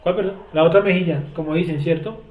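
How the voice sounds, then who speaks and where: A man's voice: fairly high pitch, fairly even intonation, fast. A man teaching a Bible study class, explaining word meanings and often putting questions to his students. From Colombia. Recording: echoey room, tinny phone-like sound.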